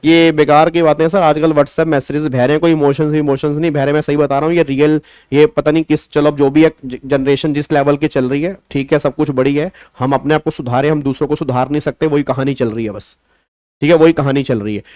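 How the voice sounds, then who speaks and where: Lively man teaching exam rules. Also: on the high side, brisk, clear, resonant tone, dry recording, studio quality. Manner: animated, digressive, mimics baby talk and sings snatches. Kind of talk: lively classroom lecture.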